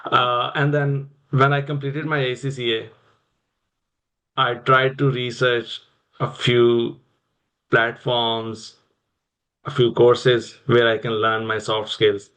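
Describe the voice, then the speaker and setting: A man's voice: mid-range voice, little pitch movement, takes it slowly, pauses often, a bit bright. A young man with a Pakistani accent, telling his personal story as an interview guest. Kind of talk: personal career storytelling in conversation.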